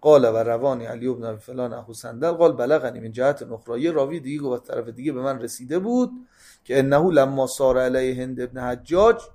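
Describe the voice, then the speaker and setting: A man giving a religious talk. He reads out classical Arabic lines and then retells them in relaxed, colloquial speech, jumping between loud, stressed phrases and soft, quick asides. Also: medium pitch. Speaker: religious lecturer. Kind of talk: sermon-style hadith storytelling.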